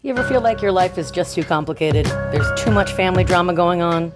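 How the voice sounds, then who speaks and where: A woman's voice: fairly low pitch, a little fast, over loud music. A woman co-hosting a casual, comedic book podcast recorded in an attic, speaking in a wry way. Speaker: podcast co-host.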